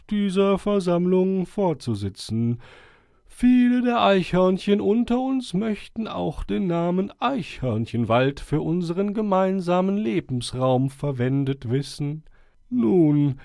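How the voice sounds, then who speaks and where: A kindly old storybook owl, voiced by a man, speaking in a raised, slow and measured tone that swoops up and down with a gravelly texture. He hoots between sentences like a patient chairman. The sound is dry and close, with no room around it. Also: high-pitched, a little mellow, no room sound, voice pushed up, exaggerated voice. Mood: stately. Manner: slow, measured and stately, with hooting calls. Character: wise old male owl chairing a meeting. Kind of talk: storybook character voice.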